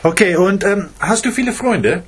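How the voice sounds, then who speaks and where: A man's voice: high voice, animated, normal speed, husky. A male teacher asking a student questions in an oral practice session, prompting often with short encouraging sounds. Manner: encouraging prompts, many mhms.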